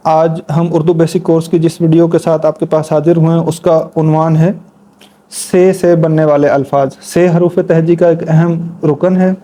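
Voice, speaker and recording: A man's voice: on the high side, warm tone. Patient man teaching letters. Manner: patient, spells out letters slowly and repeats words; talks while demonstrating at a board. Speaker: Urdu writing teacher. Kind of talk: instructional lesson.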